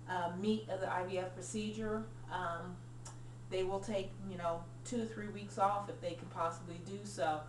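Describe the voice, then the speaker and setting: A woman's voice: lowish voice, recorded from a distance, a little hiss or hum. Woman in her forties, echoey room. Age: 40s. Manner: frequent ums, earnest and explanatory. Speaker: nurse sharing a personal diary. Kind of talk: casual personal vlog.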